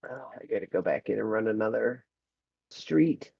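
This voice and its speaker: A woman's voice: extremely low pitch, moderate pace, gravelly, warm tone, breathy edge. A woman streaming a mobile game at home, chatting casually and giving a running commentary on her rewards. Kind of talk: casual chat while playing. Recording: muffled lo-fi.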